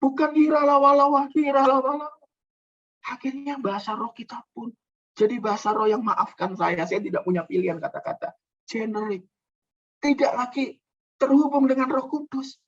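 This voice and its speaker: A man preaching a sermon as a pastor, emphatic, swinging between loud, high outbursts and hushed, low passages, often calling the listeners "saudara". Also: moderate pace, husky, highs cut off.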